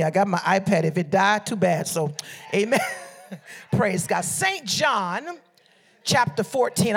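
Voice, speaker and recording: Middle-aged man from liberia, fired-up sermon, keeps calling for amens, pretty high voice. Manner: fervent call-and-response, frequent "amen, somebody" exhortations. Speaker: preacher.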